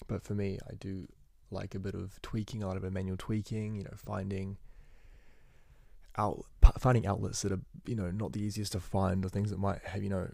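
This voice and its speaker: Young male student, deep monotone with gravel, quick rambling self-corrections, dry close phone recording. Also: no room sound. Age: young adult. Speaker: university student vlogger. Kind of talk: casual spoken journal. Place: indoors at home.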